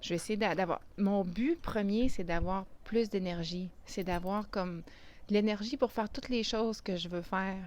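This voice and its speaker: A woman's voice: medium pitch, moderate pace, darkish tone. Chatty Quebec French woman vlogger. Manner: chatty, with many restarts and fillers. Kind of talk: casual talk to camera.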